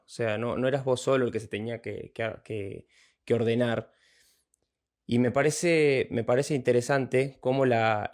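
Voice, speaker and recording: A man's voice: mid-range voice, darkish tone. A man, a podcast host asking long, reflective questions. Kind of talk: interview questions.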